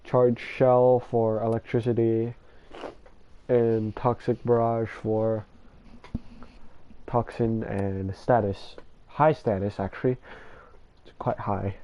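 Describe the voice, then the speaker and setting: A man's voice: on the low side, level tone, slow, long pauses, muffled recording, a little hiss or hum. A man casually commenting over a video game, rambling and self-deprecating as he talks to viewers. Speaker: gamer showing his builds.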